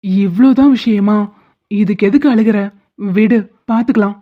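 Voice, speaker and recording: A woman's voice: medium pitch, normal speed, lightly acted. A woman voicing a confident, protective young man in a cartoon drama, teasing and reassuring. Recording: dull lo-fi audio.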